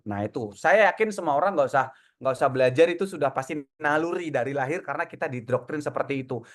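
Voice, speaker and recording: A man, coaching an audience in a casual online Q&A and telling lively stories. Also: on the high side. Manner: lively, encouraging, tells stories with acted quotes. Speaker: coach answering audience questions. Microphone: video call.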